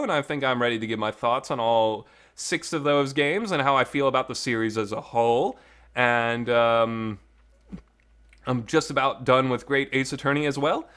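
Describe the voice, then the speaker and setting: With a mid-range, slightly bright voice, the host of a visual novel review channel delivers a casual, unscripted podcast-style review. He's colloquial and emphatic, dropping some mild swears, and the makeshift home recording is reverberant.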